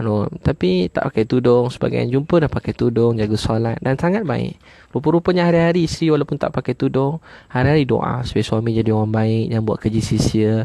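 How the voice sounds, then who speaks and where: A man with a Malaysian Malay accent preaching a sermon. He repeats each point and peppers his talk with "ha", and he chants Arabic prayers slowly. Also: mid-range voice, gravelly, mellow, no echo.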